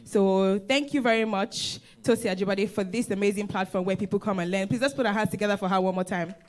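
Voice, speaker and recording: A woman's voice: mid-range voice, steady tone, fast. A woman co-hosting a conference, earnestly urging the audience to engage and learn. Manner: earnest and motivating, direct to audience. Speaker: conference co-host. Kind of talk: stage hosting, encouraging address. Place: conference stage before an audience.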